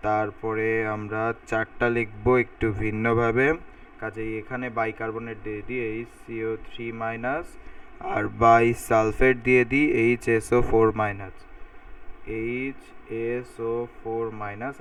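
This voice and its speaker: A chemistry teacher with a smooth, medium-pitched voice delivers a recorded lecture explaining formulas, sitting a bit far from the mic. As he writes on the board he thinks aloud, repeating word endings to drill their pronunciation.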